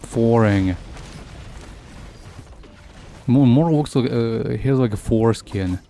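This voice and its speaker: A man's voice: mid-range voice, creaky, mellow, a little hiss or hum. Rambling male streamer. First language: Russian. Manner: rambling, halting, heavy with fillers. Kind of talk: casual gameplay commentary.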